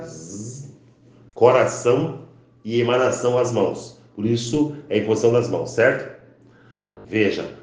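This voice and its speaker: A man teaching a spiritual class, reciting prayers and drawn-out chants to a camera. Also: mid-range voice. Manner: slow, intoning, drawn-out chanting delivery. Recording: very echoey room.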